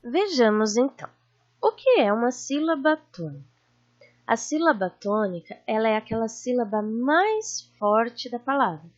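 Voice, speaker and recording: A Brazilian woman teacher giving a recorded lesson to children, drawing out syllables slowly and checking in with her pupils. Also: on the high side, big pitch swings, lo-fi sound. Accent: Brazilian Portuguese. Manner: slow, drawn-out stressing of syllables; warm teacherly questions to pupils.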